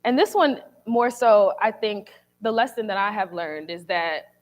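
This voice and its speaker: A woman's voice: medium pitch, lively intonation, a little slow. A young woman speaking candidly and conversationally to a church congregation, sharing a personal testimony with casual slang.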